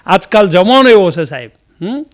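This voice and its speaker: A man's voice: high voice, very animated, normal speed. A man with a Mehsana Gujarati accent telling jokes in a folksy, chatty stand-up style, with dialect fillers. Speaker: comedian.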